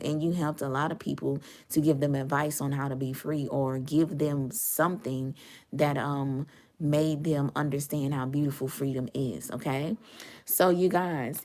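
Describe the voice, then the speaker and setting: A woman giving a casual tarot reading to her viewers, her voice raspy and hoarse from a dry throat, chatty and often checking in with the listener. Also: low-pitched, a little mellow. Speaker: tarot reader.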